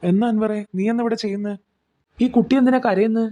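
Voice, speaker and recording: A man's voice: high-pitched, fairly even intonation, fast, lo-fi sound, over music, close to an everyday voice. A man voicing an exasperated young man in a cartoon who keeps his clueless friend in line. He scolds and gives instructions.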